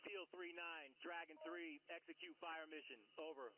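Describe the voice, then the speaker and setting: A commander giving crisp radio orders over a walkie-talkie. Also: male voice, on the high side, steady tone, moderate pace. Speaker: unit commander on the radio net. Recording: muffled radio transmission.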